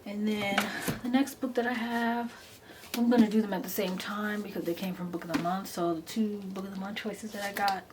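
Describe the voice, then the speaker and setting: Speaking at a moderate pace with a steady, medium-pitched tone, this woman reviews a book in a casual, effusive way. Her enthusiasm shows in how she repeats words for emphasis, and background noise is clearly audible.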